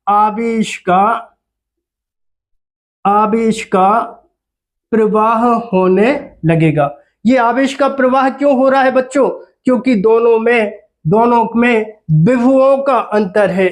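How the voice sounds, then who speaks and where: A man lectures a physics class in a strikingly high voice. He speaks slowly and deliberately, repeating key terms and pausing to ask his students questions before answering them himself. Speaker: physics teacher.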